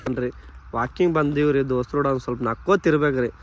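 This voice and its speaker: A man's voice: mid-range voice, very fast, background noise. A young man, narrating a comic sketch with teasing, mock-exasperated remarks.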